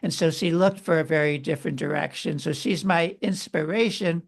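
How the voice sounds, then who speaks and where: A man's voice: fairly high pitch, normal speed, vocal fry. A man, a guest author, explaining history and ideas at length in a podcast interview. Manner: explanatory, lecturing.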